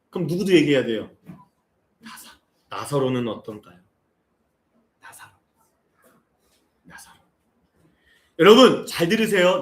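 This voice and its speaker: High, animated preacher in his forties. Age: 40s. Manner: asks the congregation constant rhetorical questions; builds to impassioned, near-shouted appeals. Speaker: pastor. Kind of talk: sermon. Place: church sanctuary. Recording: echoey church sanctuary.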